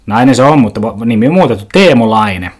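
A man hosting a podcast alone, rambling and sarcastic, swearing and leaping into a mock-indignant high voice. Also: animated, darkish tone. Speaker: podcast host. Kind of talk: casual comedic monologue.

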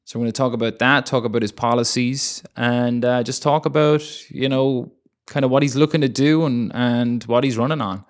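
A man in his young adult years talks local politics on a podcast, his voice sitting at an ordinary mid pitch. He rambles along loosely, full of "you know" and "um". His sentences circle back on themselves as he restarts them. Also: steady tone, moderate pace. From Ireland. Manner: rambling, many fillers and restarts. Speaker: podcast co-host. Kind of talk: casual political chat.

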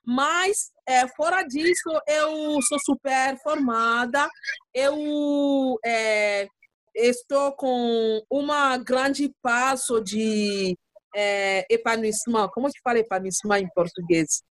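A woman from Congo with a French accent, speaking Portuguese as a guest on a podcast, halting and searching for words, often checking in with the listener. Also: on the high side, no room sound. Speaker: guest, lawyer and activist. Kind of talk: podcast interview.

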